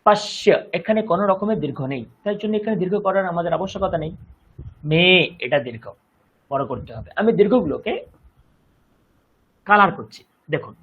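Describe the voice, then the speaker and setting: Male language teacher with a Bengali accent, measured and careful, fairly high voice, muffled lo-fi sound. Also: animated, breathy edge. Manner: slow, deliberate, chants verses syllable by syllable. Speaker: Sanskrit teacher. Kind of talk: online language lesson.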